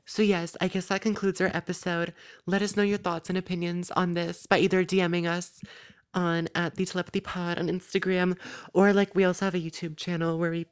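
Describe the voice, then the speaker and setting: A woman's voice: on the low side, little pitch movement, fairly quick, clean tone. A young woman co-hosting a podcast, making dry jokes and wrapping up the episode in casual chat. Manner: dry, joking, wraps up the show. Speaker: podcast co-host.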